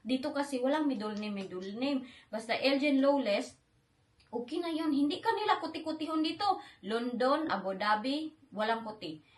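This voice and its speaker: A woman's voice: sits high, normal speed. A young Filipina woman, vlogging as she retells an emotional travel story and mixes English phrases into her talk. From Philippines. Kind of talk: storytelling vlog, retelling with quoted voices.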